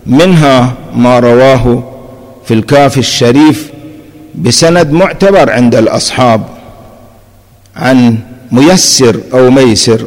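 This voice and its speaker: A religious scholar, a man, lectures on scripture, explaining each point in turn and shifting between classical and colloquial speech. He presses his key points with rising emphasis, at a middling pitch. The recording carries a long reverb from a large hall. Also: darkish tone. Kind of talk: Quranic commentary lecture.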